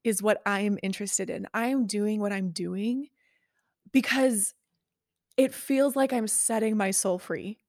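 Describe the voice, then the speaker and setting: A woman's voice: medium pitch, a little slow, a little mellow. A woman with a mid-range voice hosts a podcast conversation. She reacts with effusive enthusiasm and eager follow-up questions. Her voice sounds close and dry, with no room echo. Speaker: podcast host. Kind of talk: podcast interview.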